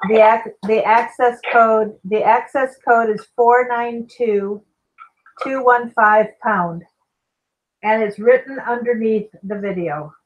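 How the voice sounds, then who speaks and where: A woman's voice: fairly high pitch, slow pace. Woman on a glitchy, cutting-out phone call. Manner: reads out numbers steadily. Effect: buzzy glitchy call audio, cutting out. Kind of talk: casual talk-show announcements. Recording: dull lo-fi phone line that keeps cutting out.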